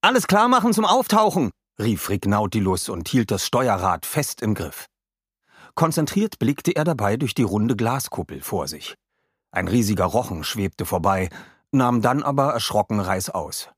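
Lively, husky storybook narrator, a man. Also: fairly low pitch, a little slow, no echo, studio quality.

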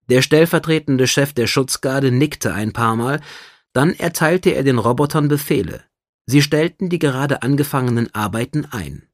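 A man narrating a science-fiction story in a steady, even reading voice. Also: medium pitch, no room sound, clean studio sound. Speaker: audiobook narrator. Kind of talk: scripted narration.

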